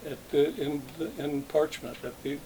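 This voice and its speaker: A man's voice: on the high side, steady tone, normal speed, dark tone, slight background noise, poor audio. An older man in an oral history interview, recalling his working years in a rambling way with many restarts. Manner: rambling, reminiscing with frequent restarts. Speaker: interviewee, retired salesman.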